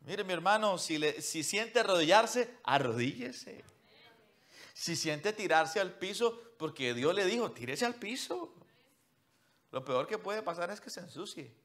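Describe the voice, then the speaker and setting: Guy preaching a sermon, kinda high voice, goes loud then almost whispers, bossing the congregation around. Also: lively intonation, unhurried. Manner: preaching with sweeping shifts between loud emphasis and near-whisper; mocks what churchgoers say in a whiny put-on voice. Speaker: pastor.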